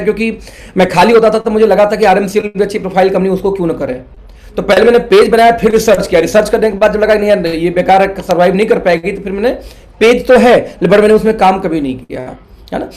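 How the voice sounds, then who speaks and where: Middle-aged man from India, higher-pitched, network marketing mentor; earnest and persuasive, talks straight to his friends in the audience. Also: a little mellow. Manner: earnest, persuasive, mixes English words into Hindi, addresses listeners as friends. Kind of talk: motivational business talk.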